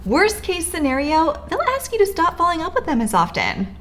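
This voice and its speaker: A young woman co-hosting a coaching talk, upbeat and agreeable, chiming in with quick affirmations. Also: very high-pitched, big pitch swings, fairly bright tone. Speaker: co-host, business coach. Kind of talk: casual teaching chat.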